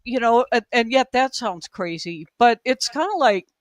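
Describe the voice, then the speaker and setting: Animated woman telling a story. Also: a little high, normal speed, dry recording. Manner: animated storyteller, rambling, excitable. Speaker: podcast host. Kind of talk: casual chat.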